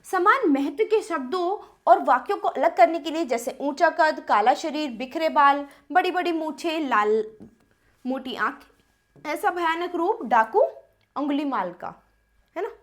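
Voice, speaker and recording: A woman teaching a grammar lesson to children, reading examples slowly and asking the class questions. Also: sits high, expressive.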